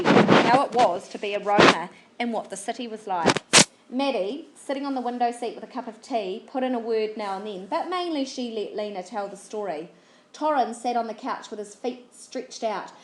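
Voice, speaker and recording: A woman reading a children's novel aloud in a steady, clear storybook narration. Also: mid-range voice, echoey room. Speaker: audiobook reader.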